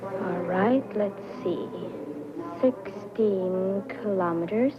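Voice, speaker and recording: An actress playing a young woman from Austria hired as a servant, speaking politely and warmly. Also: mid-range voice, drawn-out words, crowd noise. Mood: friendly. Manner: polite and friendly. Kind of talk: 1960s film acting. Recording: noisy, dull old film soundtrack.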